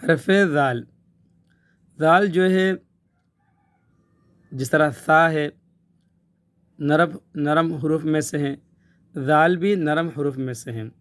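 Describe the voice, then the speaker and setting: Male Tajweed teacher, slightly higher-pitched, patient drill-style delivery with repeated syllables. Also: pauses often, a bit bright. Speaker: Quran recitation teacher.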